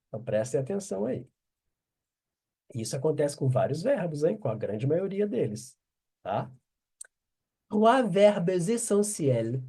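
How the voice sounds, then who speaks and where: A Brazilian man teaching French in a slow, deliberate way, with a very dark, slightly husky voice. He drills each word with patient repetition, and his pitch rises and falls a lot. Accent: Brazilian Portuguese. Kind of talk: online language lesson.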